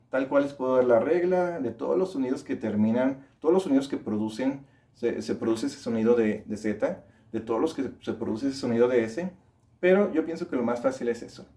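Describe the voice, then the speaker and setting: A male English teacher walks learners through pronunciation. He explains each sound in a patient, even tone, then says the example words slowly and repeats them for practice. His voice sits at a medium pitch. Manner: slow, drawn-out model words repeated for practice.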